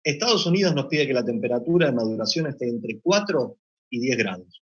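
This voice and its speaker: A man giving a measured technical conference presentation, explaining point by point with occasional hesitations. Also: medium pitch, animated, breathy edge. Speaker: meat plant deputy manager presenting. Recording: dull lo-fi recording.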